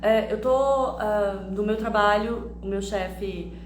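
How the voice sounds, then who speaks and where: A woman with a Brazilian accent giving an expressive, animated talk that mixes a personal story with teaching. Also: medium pitch, slow pace. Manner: expressive, animated storytelling with frequent tag questions. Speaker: emotional education teacher. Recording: roomy with faint hum.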